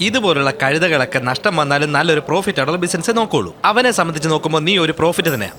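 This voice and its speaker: A man plays a cheeky young prankster who rattles off his jokes in a high, bouncing voice. His teasing runs quick and animated, and music plays clearly under the film dialogue. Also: lightly acted. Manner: teasing, playful, fast-talking. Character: cheeky young male student, mischievous prankster.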